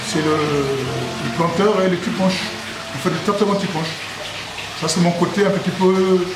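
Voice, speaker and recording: High-voiced jovial man in his sixties. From Congo. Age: 60s. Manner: jovial, rambling, repeats himself. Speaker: restaurant owner. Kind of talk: casual interview. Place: his restaurant. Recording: echoey room with loud background noise.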